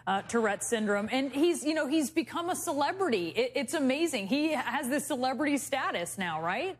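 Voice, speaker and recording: A woman's voice: high-pitched, lively intonation, normal speed. A woman with an American accent chatting conversationally as a news anchor.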